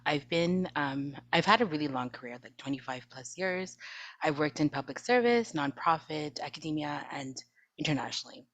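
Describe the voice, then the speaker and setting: A middle-aged woman consultant introducing herself on a video-call panel, earnest, and her voice often drops soft at the end of a phrase. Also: deep voice. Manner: earnest, trailing off softly at phrase ends.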